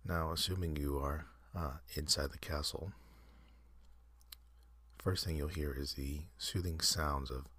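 A man hosting an ASMR channel, leading a soft, halting whispered guided meditation with many pauses and fillers. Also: rumbling low, fairly even intonation, breathy edge, no echo. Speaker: ASMR host.

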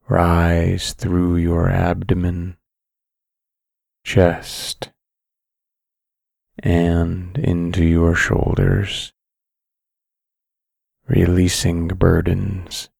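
A man narrating a guided sleep story in a calm, soothing, measured way, with long pauses between phrases. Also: deep voice, vocal fry, slightly rough, no echo, clean studio sound.

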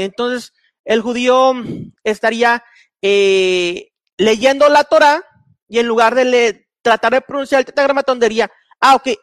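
High-voiced man teaching with slides. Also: fairly bright tone, no echo. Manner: methodical, with many fillers and restarts. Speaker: Bible teacher. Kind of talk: explaining slides in a recorded lesson.

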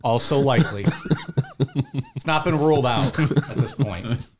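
A man's voice: mid-range voice, measured pace, crowd noise. A man co-hosting a podcast, trading teasing, jokey banter. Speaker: podcast co-host. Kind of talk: casual chat.

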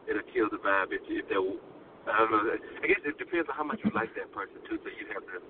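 Guy from chatting on a bad phone line, super animated, loud rumble. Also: fairly quick, creaky, far from the mic. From Alabama, southern US. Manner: animated, rambling, colloquial storytelling. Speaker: talk show guest. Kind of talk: casual radio-style conversation.

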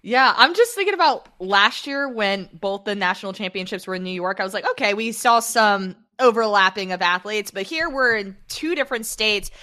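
A woman's voice: mid-range voice, animated, moderate pace, hardly any pauses, bright, forceful tone, dry recording. A woman co-hosting a running podcast, giving upbeat, chatty analysis and often saying "I feel like.". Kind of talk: casual sports podcast analysis.

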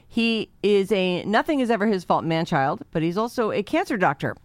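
A woman's voice: mid-range voice, lively intonation, normal speed, no room sound. A woman reading a letter aloud in casual chat, adding sarcastic asides. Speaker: host reading a listener letter.

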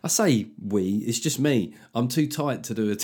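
Male comedian host, mid-pitched voice, casual and sardonic, swears freely. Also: animated, a little slow, a little mellow, slightly rough. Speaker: podcast host and touring stand-up comedian. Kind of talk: casual chat.

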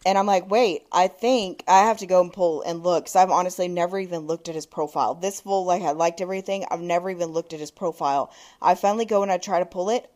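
A woman's voice: on the low side, fast talker, few pauses. A woman in her thirties, co-hosting a podcast, telling a story in casual chat with lots of swearing and quoted texts. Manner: animated, swearing, quoting texts. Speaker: podcast co-host.

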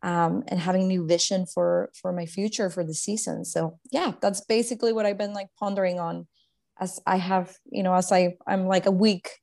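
A woman's voice: lowish voice, steady tone, normal speed, creaky, darkish tone. A woman in her thirties from Guatemala, a life coach talking earnestly and reflectively in a casual faith-based interview, with many fillers and restarts. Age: 30s.

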